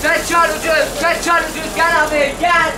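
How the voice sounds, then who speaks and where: A man working as a street market vendor, calling out wares in loud, melodic, repeated shouts. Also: very high voice, level tone, normal speed, crowd noise. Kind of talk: street vendor's sales cries. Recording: noisy echoey street with traffic.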